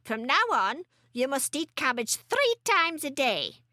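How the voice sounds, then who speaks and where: A bossy, sharp-tongued tiny old grandmother snaps and scolds, as a woman reader puts her on. The voice is lively and rises and falls a lot. It sits close and dry, like a storybook read at the mic. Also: high voice, unhurried, no room sound, voice pushed up, heavily acted. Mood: scolding. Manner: snapping, scolding.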